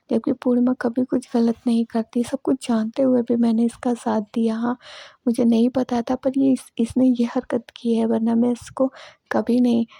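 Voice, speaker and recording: A woman's voice: a little high, vocal fry, mellow, slightly rough, dry recording, clean studio sound. A woman chatting through a casual recap of a TV serial episode in voice-over, retelling who said what in a talkative way. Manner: chatty, repeats "she says" and "okay". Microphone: voice-over recorded close to mic.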